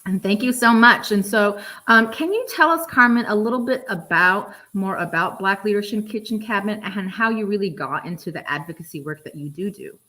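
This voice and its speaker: A woman's voice: mid-range voice, fairly quick, few pauses, bright, forceful tone, low-quality recording. A woman hosting a live online talk show, introducing a guest in a friendly way with plenty of fillers. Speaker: host. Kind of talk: livestream hosting.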